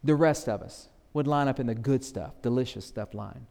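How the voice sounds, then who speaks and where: A man preaching a sermon as pastor, acting out quoted voices and swinging between loud emphatic lines and hushed ones. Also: mid-range voice, normal speed, vocal fry, in a large hall. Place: church sanctuary.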